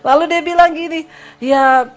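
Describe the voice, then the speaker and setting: High-voiced woman preaching a lively testimony. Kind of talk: sermon testimony.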